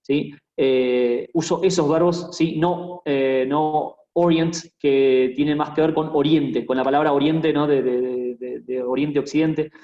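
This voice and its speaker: A man's voice: a little high, steady tone, measured pace, hardly any pauses, dark tone, roomy sound, muffled recording. A man teaching a basketball coaching clinic in a hesitant lecture style, full of fillers and restarts, often checking in with "¿no?". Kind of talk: online lecture with screen sharing.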